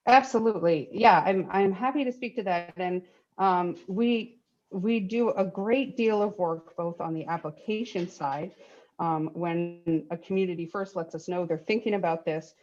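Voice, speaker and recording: A woman giving formal testimony to a committee over a crackly remote phone line that fades in and out, speaking in a measured, explanatory way with frequent ums. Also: lowish voice, darkish tone. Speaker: state agency official testifying to a committee. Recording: dull lo-fi call audio, breaking up.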